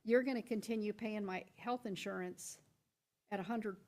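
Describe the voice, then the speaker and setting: A woman's voice: mid-range voice, fairly even intonation, normal speed, a little mellow. A woman school board member at a public workshop, laying out her point at length through step-by-step hypothetical examples with frequent restarts. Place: board meeting room.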